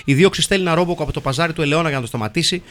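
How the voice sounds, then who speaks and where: A man hosting a comedy show, reading listener film reviews in a wry, mock-solemn deadpan. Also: fairly high pitch. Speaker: host reading listener comments.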